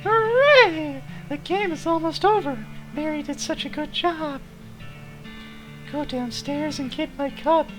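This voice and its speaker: A man voicing a cheerful, childlike little girl talking doll in a sing-song falsetto, for a video game playthrough. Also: takes it slowly, fairly bright tone, soft background music, heavily acted, low-quality recording. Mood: gleeful, eerie.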